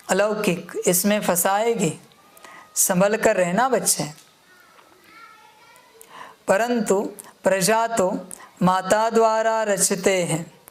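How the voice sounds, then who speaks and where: A woman delivers a devotional discourse at an unhurried, measured pace, speaking to her listeners as beloved children. Her tone is admonishing, and she keeps circling back to reminders to pay attention. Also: medium pitch. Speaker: spiritual teacher.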